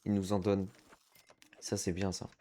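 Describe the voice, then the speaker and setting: A man's voice: low voice, flat delivery, normal speed, dark tone, slight background noise. A man giving chatty let's-play commentary as a gaming streamer, reacting aloud to the game and dropping English slang.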